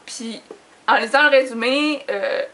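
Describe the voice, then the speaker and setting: A young woman's high voice with a sharp tone speaks a little slowly in a Quebec French accent. She's a young adult book vlogger, chatting casually to camera and giggling at her own expense.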